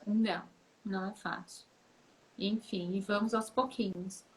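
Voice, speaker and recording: A woman therapist speaking as a guest in a conversation, thoughtful, pausing with fillers to find her words, over a video call. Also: mid-range voice, steady tone.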